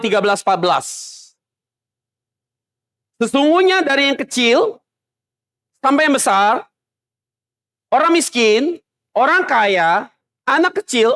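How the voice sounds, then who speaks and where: A man preaching a sermon as pastor, emphatic and swinging between loud stresses and low murmurs. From Indonesia. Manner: mocks other preachers in a soft mimicking voice. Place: church.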